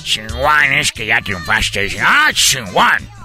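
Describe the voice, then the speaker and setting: Comic lead: a man putting on a goofy foreign vendor with broken Spanish, very bright voice, lively swooping pitch, music under it. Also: slow pace, full character voice. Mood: boastful. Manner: mangles words, deadpan absurd jokes. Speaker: radio comedy host. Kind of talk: radio comedy sketch.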